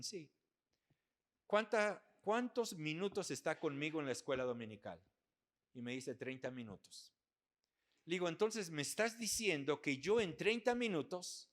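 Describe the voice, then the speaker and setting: An older man preaching an earnest sermon at a church men's conference, rising into loud, emphatic passages. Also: a little high.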